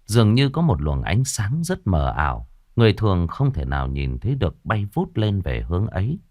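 Male ghost-story narrator, deep voice, very expressive. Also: normal speed, no room sound. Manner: lively, dramatic storytelling. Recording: dry close mic with soft music.

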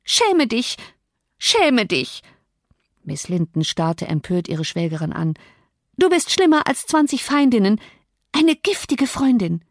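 A woman's voice: sing-song, takes it slowly, no room sound, clean studio sound, heavily acted. A woman voicing a naive, indignant young lady. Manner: pleading, high and reproachful.

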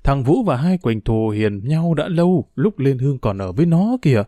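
A man's voice: mid-range voice, very animated, normal speed, mellow, dry recording, lightly acted. A man reading a frail, worried old mother.

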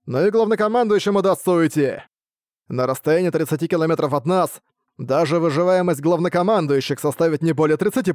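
Guy doing a cool-headed sword master general, steady commanding orders, slightly high voice, dry close audiobook sound. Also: no room sound, natural voice. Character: calm, calculating male sword hall master general. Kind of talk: audiobook character voice.

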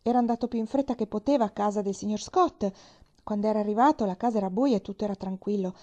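A woman narrating a children's novel aloud, expressive and sometimes dropping to a whisper. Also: mid-range voice, fast, muffled recording. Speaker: reader. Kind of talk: audiobook narration.

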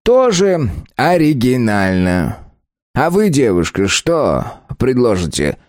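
A man's voice: mid-range voice, huge pitch swings, takes it slowly, darkish tone, no room sound, clean studio sound, pitched above the performer's own voice. A man voicing a stern, sarcastic male administrator who snaps out his rulings. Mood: curt, sarcastic. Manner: snapping, sarcastic.

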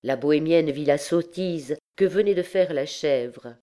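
A woman narrating an audiobook in a measured, expressive reading. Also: low voice. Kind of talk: scripted narration.

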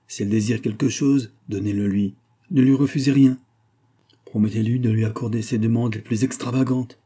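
Man reading a blunt, grave old doctor, dark husky voice, measured. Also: medium pitch, fairly even intonation, natural voice. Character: grave older male doctor, blunt but calm.

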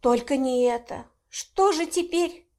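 A woman reading an audiobook, voicing a sharp-tongued young witch heroine who is excitable and quick to protest. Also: high-pitched, voice pushed up. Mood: excited. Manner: indignant, excitable, quick to cry out.

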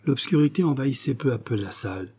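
A man's voice: medium pitch, lively intonation, fast talker, warm tone, slightly rough. A man reading a novel aloud as an audiobook narrator, voicing the dialogue lightly in his own voice.

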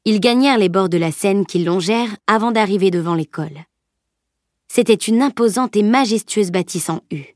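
A woman narrating a novel as an audiobook, in an even, steady reading. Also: medium pitch, no room sound, clean studio sound. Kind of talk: scripted narration.

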